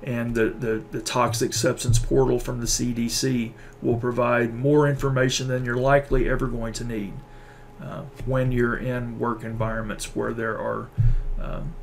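A male lecturer with a gravelly, mid-pitched voice talks through a recorded video lecture. He pauses, restarts and fills the gaps with "uh", and he sounds worn out and a bit short of breath. Faint background noise sits under the voice. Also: level tone. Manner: halting, with many fillers and restarts. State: tired, a little out of breath. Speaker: university lecturer.

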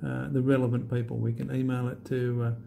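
Gravelly man demoing an app. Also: mid-range voice, a little hiss or hum. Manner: relaxed, halting, many fillers. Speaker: app demonstrator. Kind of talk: unscripted screen demo walkthrough.

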